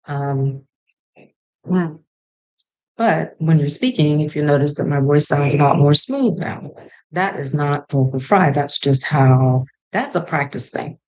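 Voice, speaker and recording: Low-voiced chatty woman vlogger. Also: animated, moderate pace, a little mellow, rough recording. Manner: chatty, rambling, shifts into playful voices. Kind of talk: casual advice chat to camera.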